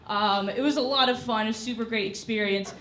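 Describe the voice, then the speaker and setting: A young woman does a stand-up set on a club stage, her voice a little high, fairly quick and fairly bright, chatty and full of "you know" asides. The club sounds echoey, and the live audience can be heard laughing.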